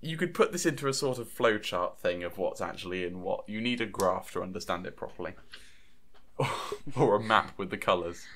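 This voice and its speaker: A man's voice: low voice, lively intonation, normal speed, fairly bright tone, a little hiss or hum. A young man hosting a casual chat show, talking in a rambling, stop-start way and laughing often. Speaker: podcast host.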